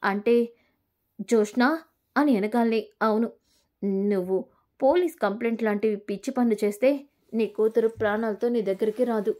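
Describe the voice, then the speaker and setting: A woman narrating a lively, dramatic recap of a TV serial episode. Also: on the high side, normal speed, long pauses.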